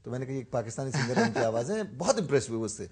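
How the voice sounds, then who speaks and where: A male talk show host with a slightly husky, breathy voice. He leads a studio interview at a middle pitch, mixes English words into his questions, and murmurs short agreements while his guest talks. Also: sing-song, darkish tone. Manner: frequent murmured backchannels.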